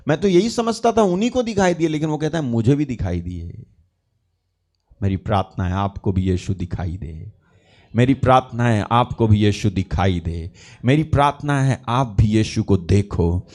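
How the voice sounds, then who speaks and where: A man's voice: medium pitch, animated, normal speed, a little mellow. A man preaching a sermon, reading scripture and then explaining it. He repeats key phrases for emphasis and speaks to his listeners as brother and sister.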